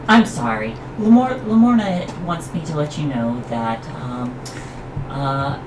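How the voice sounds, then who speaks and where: A woman's voice: low-pitched, lively intonation, a little slow, voice pushed up. A woman voicing a flirtatious, apologetic female dryad in a hesitant, chatty way for a tabletop game. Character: flirtatious, apologetic female dryad speaking through a messenger sparrow. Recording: roomy, distant, noisy room recording.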